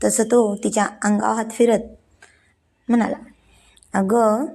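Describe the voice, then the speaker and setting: Woman storyteller, fairly high voice. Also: fairly even intonation, moderate pace, vocal fry, a little mellow. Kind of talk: read-aloud story narration.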